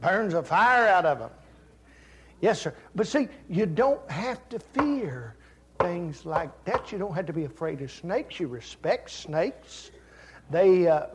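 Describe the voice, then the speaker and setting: An older man preaching a sermon, telling folksy family stories and rising to loud, fervent Scripture reading. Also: high voice, slightly rough. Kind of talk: sermon with personal story.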